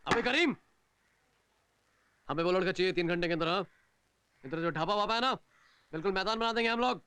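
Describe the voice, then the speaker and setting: An actor playing a rough gangster who makes blunt threats. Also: male voice, high voice, expressive, a little fast, pushed and bright, exaggerated voice. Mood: threatening.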